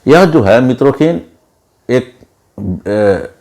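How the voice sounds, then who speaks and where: A man's voice: medium pitch, lively intonation, drawn-out words, a little mellow. A man giving an opinionated monologue as a political commentator, emphatic and lecturing, repeating words for stress.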